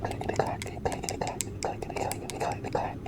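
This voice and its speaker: Man doing a slow whispered role-play plague doctor. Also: very deep voice, expressive, creaky, heavily acted. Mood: playful, soothing. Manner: soft, unhurried, gently repetitive and formal. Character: courteous, inquisitive plague doctor soothing a patient. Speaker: ASMR performer.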